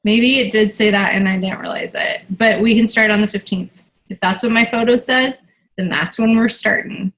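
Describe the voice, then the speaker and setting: A woman's voice: mid-range voice, steady tone, moderate pace, fairly bright tone, rough recording. A woman running a casual team meeting as coach, chatty and loose, with lots of fillers and restarts.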